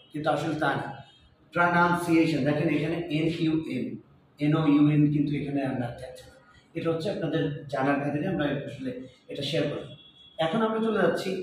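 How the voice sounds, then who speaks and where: A man from Bangladesh, giving a spoken lesson as an English teacher and repeating words slowly to model them. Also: a little high, far from the mic, a little hiss or hum. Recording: very echoey room, voice off the mic.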